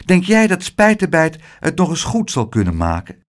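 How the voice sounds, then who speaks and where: A man's voice: wildly swooping pitch, moderate pace. A man reading a storybook and voicing a polite, eager young boy. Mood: earnest. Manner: eager, raised boyish pitch.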